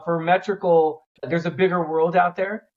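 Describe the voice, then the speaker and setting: A man's voice: fairly high pitch, flat delivery, moderate pace, dull audio. A man who is a company cofounder and a guest on an interview podcast, adding his own points in an upbeat way.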